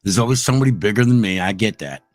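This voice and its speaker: A man with a fairly low voice rants at trolls on a livestream. He is profane and aggressive, and swings from shouting to low, slow growls. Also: animated. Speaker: streamer ranting at online trolls. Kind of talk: heated livestream rant.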